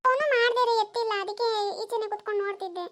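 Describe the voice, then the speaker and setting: A woman voicing a gentle young wife who greets her husband in a cartoon. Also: extremely high pitch, racing. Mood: caring.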